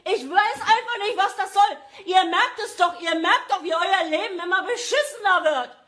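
Very high-voiced woman ranting angrily. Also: normal speed, fairly bright tone. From Germany. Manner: agitated, repetitive, addresses viewers directly. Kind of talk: angry livestream rant.

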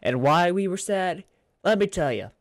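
A man's voice: sits high, lively intonation, normal speed, no echo, clean studio sound. A man with a groggy morning voice, casually narrating a recap of a video game match as the channel host, asking himself questions and answering them. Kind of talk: casual narration over gameplay clips.

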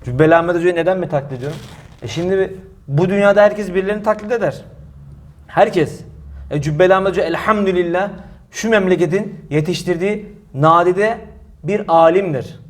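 Young man, high voice, emphatic preacher, rhetorical questions, repeats himself. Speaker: mosque preacher answering a critic. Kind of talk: heated religious talk, defensive. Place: mosque.

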